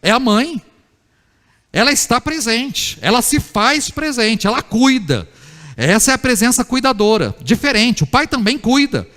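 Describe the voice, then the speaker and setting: A man's fairly high voice carries through a church hall with a long echo. He is a middle-aged pastor who preaches in a chatty way. He asks the people question after question and acts out little family scenes. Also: sing-song, a little slow, pushed and bright. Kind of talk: sermon.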